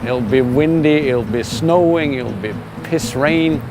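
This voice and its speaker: A middle-aged man from Denmark, a fishing guide, talking candidly and relaxed in a documentary interview with frequent "uh"s and restarts. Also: mid-range voice, a little slow, noisy background. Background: music.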